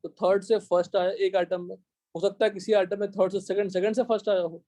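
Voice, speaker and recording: A young Indian man with a high, mellow voice delivers a live chemistry lecture in a flat manner, slowly dictating in English. The audio is dry, with no room echo. Going one step at a time, he keeps pausing to ask whether his students have grasped the material.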